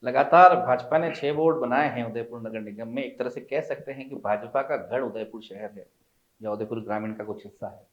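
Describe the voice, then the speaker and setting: A man's voice: mid-range voice, brisk. A man working as a local news interviewer, asking pointed and challenging questions. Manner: probing, challenging. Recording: echoey room, dull lo-fi sound.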